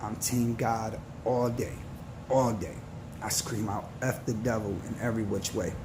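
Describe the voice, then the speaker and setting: Gravelly forties man preaching positivity. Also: on the low side, fairly even intonation, noisy background. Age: 40s. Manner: earnest, preachy, slangy and slow. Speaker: vlogger. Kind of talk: motivational talk to camera.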